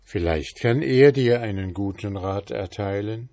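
A worried master of the house from an old folk tale, played by the narrator, a little louder and higher than his reading voice. He gives advice in a friendly, encouraging way. The recording is dry. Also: a little slow, no echo.

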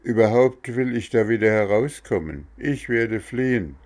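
A man's voice: lowish voice, expressive, normal speed, darkish tone, voice pushed up, lightly acted. A man voicing a frightened, wailing wooden puppet boy in a raised voice. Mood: fearful. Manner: wailing, fearful.

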